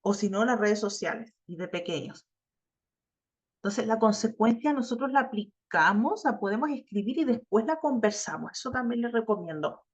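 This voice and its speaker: A woman's voice: fairly high pitch, lively intonation, moderate pace, slightly rough. A woman with a Chilean accent teaching an online class, chatty and talking straight to her students. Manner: chatty, addresses students directly, acts out quoted teens. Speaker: course instructor. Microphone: video call. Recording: lo-fi muffled video-call audio.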